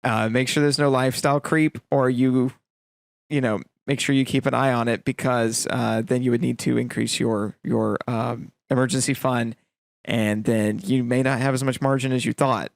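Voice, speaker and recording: A man's voice: mid-range voice, fairly even intonation, moderate pace, creaky, no room sound, clean studio sound. A man co-hosting a podcast, chatting casually and telling stories with acted-out quotes and lots of fillers. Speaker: podcast co-host. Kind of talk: casual chat.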